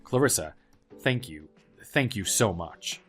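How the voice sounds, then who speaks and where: An actor playing a polite, helpful young office worker with quiet backbone, speaking in an earnest, measured way in a dramatized story. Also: male voice, low-pitched, animated, soft background music. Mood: kind, supportive.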